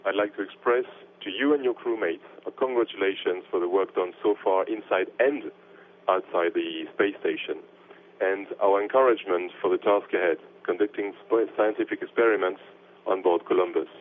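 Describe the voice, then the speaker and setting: A low-voiced man speaks as a space agency official over a narrow, tinny radio link. A faint hum sits under his formal, ceremonial words. He sounds steady and official. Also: moderate pace.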